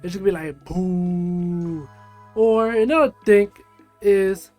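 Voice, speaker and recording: A man's voice: high-pitched, normal speed, a little mellow, soft background music. A man hosting a reaction video, talking loosely and casually with lots of "like" and "uh". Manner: loose and conversational, many fillers like "like" and "uh".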